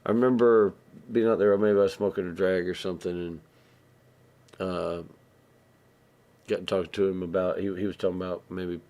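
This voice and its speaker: A man with a lowish voice tells a story in a live stream. He talks in a relaxed, meandering way, backtracking often and acting out the lines of other people. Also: normal speed, long pauses. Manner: rambling, loose, with many restarts and acted-out dialogue. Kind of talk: casual storytelling.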